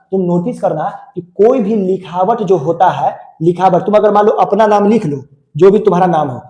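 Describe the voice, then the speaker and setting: A man's voice: sits high, dark tone. A man with a Bihari accent teaching a physics lesson at the board, repeating phrases and asking questions that he then answers himself. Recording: echoey room.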